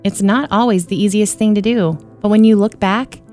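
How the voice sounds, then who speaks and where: Earnest woman narrating over soft music. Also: medium pitch, moderate pace. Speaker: radio ministry host. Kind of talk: scripted narration.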